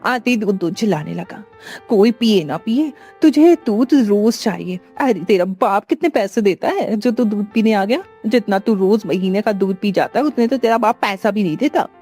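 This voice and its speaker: A woman voicing a sharp-tongued, spiteful village aunt who taunts and scolds. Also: mid-range voice, lively intonation, normal speed, breathy edge, soft background music. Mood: scolding.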